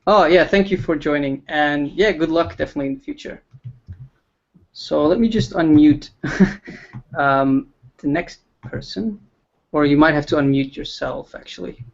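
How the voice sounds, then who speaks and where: A man hosting a relaxed livestream interview, talking with frequent ums and restarts. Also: fairly high pitch, unhurried, creaky, highs cut off. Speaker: livestream host.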